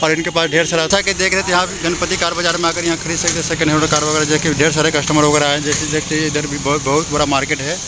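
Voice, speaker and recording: Man, vlog host, high voice, chatty and repetitive, outdoor car market, handheld phone, loud traffic noise. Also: little pitch movement, racing, hardly any pauses. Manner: repetitive, chatty, addresses viewers directly. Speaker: vlogger host. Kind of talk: casual market walkaround vlog. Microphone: handheld phone camera.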